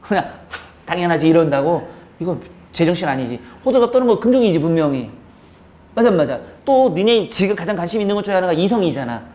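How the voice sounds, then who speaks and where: Guy teaching a class, jokey and bossy with the students, keeps quizzing them, sometimes does silly squeaky voices to act them out. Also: very animated, quick pace, a little mellow. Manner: teasing, scolding banter with students. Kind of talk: classroom lecture.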